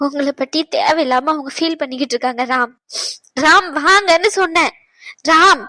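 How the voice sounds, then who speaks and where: This is a steady young woman, the son's fiancée, in an animated drama, voiced by a woman. She talks in a high, calm voice and is gently firm and persuasive. It is recorded dry and close. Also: fast, dry recording. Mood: urgent.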